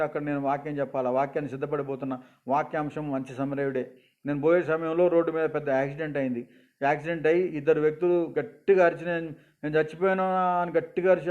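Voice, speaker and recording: A man's voice: fairly high pitch, a little mellow. A middle-aged man, a bishop preaching a sermon and telling stories, dropping English phrases. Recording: dull lo-fi sound.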